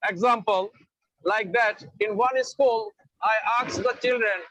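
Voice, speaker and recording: A man's voice: high voice, steady tone, unhurried, dull audio, crowd noise. A man, an educator on a video call panel, speaking earnestly and giving advice through an example. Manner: earnest, advising tone, tells an example story.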